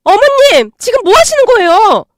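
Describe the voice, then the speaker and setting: A tactless, nosy sister-in-law chatters on in a high, needling voice, as a woman puts her on. Her pitch swings widely, turning shrill, with a dry sound and faint music underneath. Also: sing-song, moderate pace, a bit bright, no echo.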